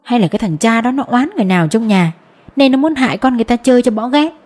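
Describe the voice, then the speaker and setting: A woman reading the part of a rough middle-aged male petty thief with coarse, boastful talk in an audiobook. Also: a little high, expressive, quick pace, darkish tone, voice pushed up. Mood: gruff. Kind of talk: audiobook narration.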